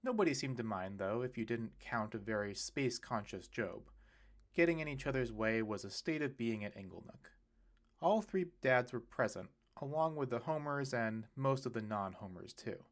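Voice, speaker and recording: A male audiobook narrator reads a serialized novel aloud with lively energy, raising his voice into bright tones for the characters' quoted lines. He speaks in a mid-range voice at a moderate pace.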